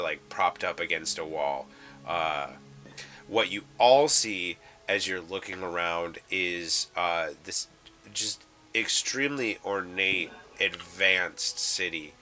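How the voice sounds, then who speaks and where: A man narrating a tabletop game as game master, halting and full of fillers as he describes the scene. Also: sits low, pushed and bright. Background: faint background music.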